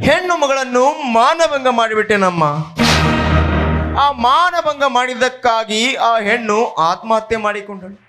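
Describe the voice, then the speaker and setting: An actor playing a remorseful son on a village stage, declaiming and pleading with his mother over live music. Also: very high-pitched. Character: remorseful grown son confessing a grave wrong. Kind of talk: emotional village stage drama.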